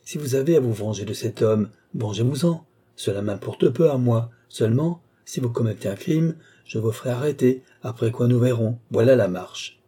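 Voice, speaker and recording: A cold shrewd magistrate, brisk and commanding, mellow dark tone with some huskiness, as an audiobook reader plays him. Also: male voice, medium pitch, lively intonation, husky. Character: cold, shrewd police magistrate, middle-aged man. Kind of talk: audiobook reading.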